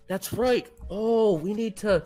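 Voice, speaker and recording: A man's voice: high-pitched, slow pace, warm tone, soft background music. A man co-hosting a gaming show in casual let's-play chat.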